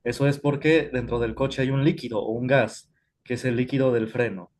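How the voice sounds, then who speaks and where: A man's voice: medium pitch, fairly even intonation, normal speed, a little mellow, a little hiss or hum. A man teaching a physics class, explaining step by step with frequent "este" fillers and self-corrections. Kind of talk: classroom lecture.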